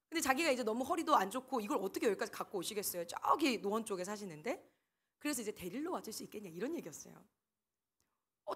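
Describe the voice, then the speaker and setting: A young woman delivers an emotional sermon with a lively, wide-ranging voice. Her tone is somewhat husky and sits a little high. She slips into the voices of the people in her stories as she acts out their prayers. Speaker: ministry staff preacher.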